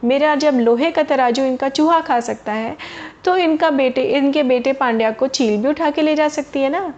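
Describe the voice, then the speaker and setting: A woman's voice: high voice, normal speed, a little mellow, natural voice. A woman voicing a clever, sly young village man who outwits a cheat in a children's storybook tale. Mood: insistent. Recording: dull lo-fi recording.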